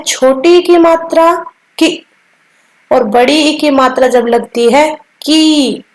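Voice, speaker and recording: Woman teacher, high voice, slow deliberate lesson pace, repeats each sound, echoey room. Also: darkish tone. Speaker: Hindi teacher.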